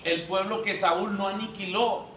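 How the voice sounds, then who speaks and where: A man's voice: sits high, fairly even intonation, a little slow, bright, forceful tone, a little hiss or hum. A man preaching a sermon as a dramatic storyteller, acting out voices and calling for amens. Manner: dramatic storyteller, acts out quotes, calls for amens. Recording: echoey hall, mic at a distance.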